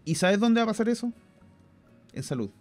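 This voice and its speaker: With big pitch swings and a fairly quick pace, this high-voiced Chilean podcast co-host airs strong opinions in a casual chat, frequently repeating words while he thinks. He speaks Chilean Spanish over soft background music.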